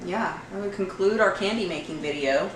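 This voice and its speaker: A woman's voice: on the low side, normal speed. A woman co-hosting a home candy-making tutorial, chatting casually with lots of fillers while she works. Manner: chatty, filler-heavy, laughs often. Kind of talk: casual cooking demonstration. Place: home kitchen. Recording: echoey kitchen, far from mic, noisy.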